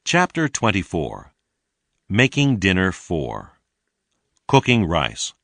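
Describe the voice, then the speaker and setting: In a very low voice, a man narrates a scripted English lesson as a read-along, going slowly and enunciating each sentence clearly for learners. His intonation rises and falls in a lively way, and the recording is dry.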